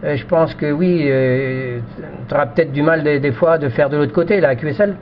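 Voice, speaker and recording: A man with a fairly high pitch and normal speed has a casual technical chat as a ham radio operator, repeating phrases and hesitating along the way. Faint noise sits under the muffled, band-limited radio audio.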